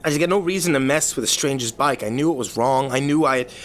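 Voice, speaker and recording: A man playing a troubled rich young man confessing a cruel past in a halting, stammering way, as a dramatic horror story monologue. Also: medium pitch, close to an everyday voice. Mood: guilty, confessional. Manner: halting, confessional, stammering over repeated words. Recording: clear background noise.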